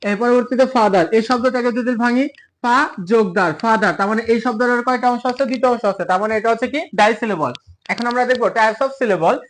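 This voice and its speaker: A man's voice: extremely high pitch, fast talker. A male English teacher giving a classroom lesson, asking questions and answering them himself, and spelling words out syllable by syllable.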